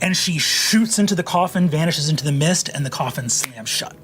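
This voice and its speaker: A man's voice: on the high side, lively intonation, a little fast, fairly bright tone. A man narrating a tabletop game as game master, describing scenes dramatically.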